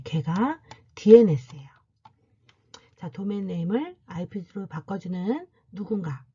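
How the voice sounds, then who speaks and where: A woman's voice: mid-range voice, mellow, slightly rough, dull audio. A woman university lecturer giving a recorded classroom lecture, explaining step by step and asking and answering her own questions.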